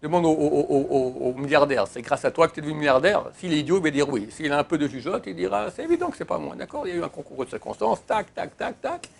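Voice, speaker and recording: A man's voice: fairly high pitch, expressive, fast talker, vocal fry, hardly any pauses, slightly rough. A rabbi giving an emphatic Torah lesson in answer to a question, repeating his key words.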